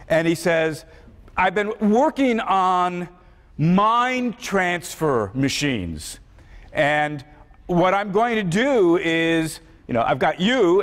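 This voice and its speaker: High-voiced male lecturer in a reverberant hall. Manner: conversational, repeats words often, acts out quoted voices. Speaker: university philosophy lecturer. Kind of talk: university lecture.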